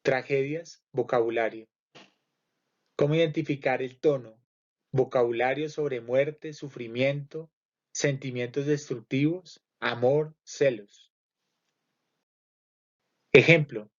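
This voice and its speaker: Guy reading out a lit lesson, steady list-by-list delivery, kinda muffled low-fi audio. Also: takes it slowly. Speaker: literature teacher. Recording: muffled lo-fi recording.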